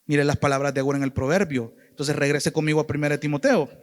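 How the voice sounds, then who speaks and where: A man with a Salvadoran Spanish accent preaches a sermon, earnestly calling his listeners brother and sister. He talks fast in a fairly high voice with fairly even intonation, and a long hall reverb surrounds the recording.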